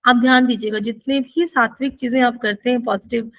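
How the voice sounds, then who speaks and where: A woman's voice: a little high, fairly even intonation, fairly quick, no room sound. A woman giving a spiritual teaching session, explaining and often asking listeners rhetorical questions.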